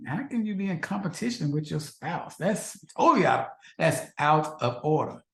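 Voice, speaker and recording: A man's voice: a little high, sing-song, moderate pace, gravelly. A man teaching a faith-based marriage class, earnest and repetitive, asking the husbands in the audience rhetorical questions. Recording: echoey room.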